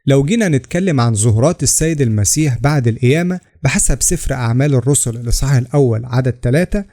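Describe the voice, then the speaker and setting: Man, Egyptian Arabic accent, scripted religious narration, fast, mellow, steady. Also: mid-range voice. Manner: steady, explanatory, reads scripture references. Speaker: channel narrator.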